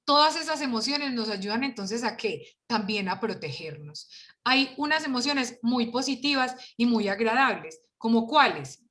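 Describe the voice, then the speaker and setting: Over a video call, a woman with a fairly high voice leads an online workshop for parents at normal speed. She's lively and full of rhetorical questions.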